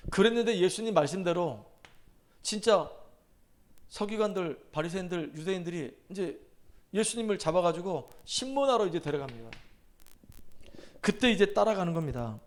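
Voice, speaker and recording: A male pastor delivers an emphatic sermon with a notably high-pitched voice. He retells scripture like a story, acting out the quoted lines with swings between loud and hushed. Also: animated, normal speed, pauses often. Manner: emphatic preaching, acting out scripture quotes with rising and falling intensity.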